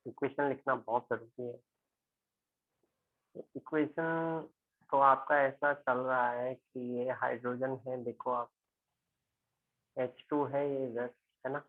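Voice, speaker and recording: A man from India teaches chemistry in a recorded lecture, working through a physical chemistry problem step by step. His medium-pitched voice keeps a steady teacher's tone, and he often asks quick questions to check that students are following. The audio is tinny and phone-like, dry with no room sound.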